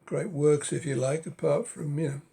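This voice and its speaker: Showing off his books in a casual vlog, a middle-aged collector who has a cold speaks hoarsely and haltingly, with lots of ums and uhs. He frequently drops to a whisper, and his voice is on the high side and mellow.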